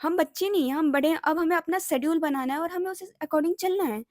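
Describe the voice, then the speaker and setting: A young woman speaks in a bright, high voice as she tells a personal story on her vlog. Her delivery is chatty and emotional, with English words dropped in. The sound is dry and close, with no room echo. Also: fast talker. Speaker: vlogger telling a personal story. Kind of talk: casual storytime monologue.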